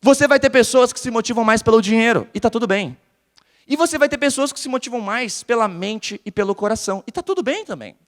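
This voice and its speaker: Man, southern Brazilian accent, conference speaker, energetic, quizzes the crowd, long hall reverb. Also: extremely high pitch, fast talker. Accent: southern Brazilian (gaúcho). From Porto Alegre, southern Brazil. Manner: energetic, keeps quizzing the audience. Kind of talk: live motivational business talk. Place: large hall with a live audience.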